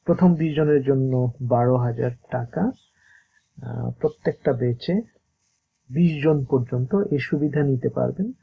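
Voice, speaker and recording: A man, teaching English pronunciation in a slow, halting way, repeating words to demonstrate them. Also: mid-range voice, gravelly, husky. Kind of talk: course promo and pronunciation lesson. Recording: dull lo-fi sound.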